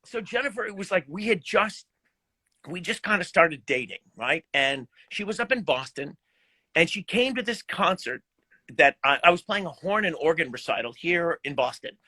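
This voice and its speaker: A man's voice: on the high side, normal speed, no echo. A middle-aged man, a guest musician, telling stories in a casual live video chat and laughing often. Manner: animated, laughing storyteller.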